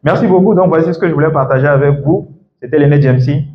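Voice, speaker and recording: A man's voice: fairly high pitch, quick pace, slight background noise. A man coaching a group on English pronunciation in casual French, dropping fillers and modelling English words aloud. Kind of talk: live talk to a group. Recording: echoey room, dull lo-fi sound.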